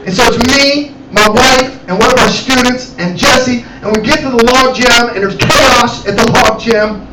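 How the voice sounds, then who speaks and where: A man performing animated stand-up comedy storytelling in a cafe, acting out characters as he goes. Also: extremely high pitch, normal speed. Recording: echoey cafe room, distant mic, loud noise.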